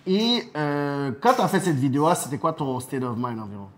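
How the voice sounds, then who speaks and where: A man's voice: on the high side, very animated, moderate pace, slight background noise. A man with a Quebec French accent who hosts a talk show, asking questions in casual chat and mixing English slang into his speech. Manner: conversational, mixes in English slang.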